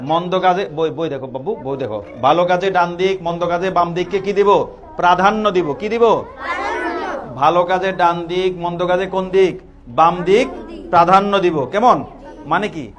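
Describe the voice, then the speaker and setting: A high-pitched man leads young schoolchildren through a call-and-response religious lesson. He quizzes and coaxes, repeating every question so the class can answer. A loud crowd of children fills the classroom around him. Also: background noise. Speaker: religious teacher visiting a school. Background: children answering in chorus.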